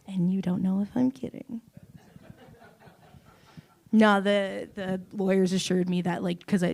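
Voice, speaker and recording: A young woman doing an open mic stand-up set on a small stage, deadpan with sudden loud bursts and giggles. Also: medium pitch, vocal fry. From Canada. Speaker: stand-up comedian. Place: small comedy venue on stage.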